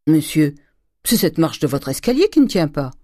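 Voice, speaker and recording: A sturdy old servant woman with blunt country speech, as a reader puts her on. The voice is pitched up and louder than the narration, with a dark, mellow tone and no room sound. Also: very animated, normal speed, dry recording, studio quality. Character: rough loyal old female servant.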